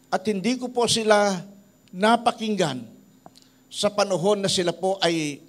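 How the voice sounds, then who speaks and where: A middle-aged man from the Philippines preaches to his church, telling stories about people he has met. His voice sits a little high, and he lifts it or drops it low as he speaks the lines of the people in the stories. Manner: tells stories in a lively voice, quoting people he met. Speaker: pastor. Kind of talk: sermon with storytelling.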